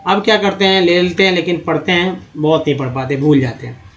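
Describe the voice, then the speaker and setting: A man runs a spoken phonics lesson, spelling letters one by one and sounding out each word. His voice sits a touch high for a man. The recording is dull and lo-fi. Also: fairly quick, a bit bright. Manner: spells out letters and sounds them, addresses viewers as friends. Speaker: English reading teacher.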